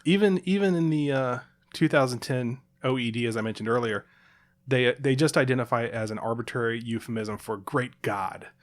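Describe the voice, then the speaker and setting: A man's voice: medium pitch, brisk. A man co-hosting a podcast, explaining at length with fillers and restarts and playful asides. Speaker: podcast co-host. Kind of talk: casual chat.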